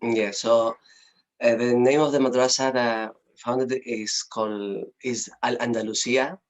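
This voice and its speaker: A man in his thirties with a Spanish accent, an imam being interviewed on a video call, speaking haltingly with many fillers and restarts. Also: medium pitch, level tone, low-quality recording. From Spain. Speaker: imam and madrasa founder. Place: small indoor room.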